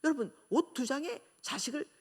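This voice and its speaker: A woman pastor from Korea preaches a revival sermon, telling her story with lively, sweeping shifts in her voice. She acts out the scenes as she goes. Her words echo for a long time around a large church hall. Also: sits high, brisk. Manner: animated storytelling, acting out family quarrels. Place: church sanctuary.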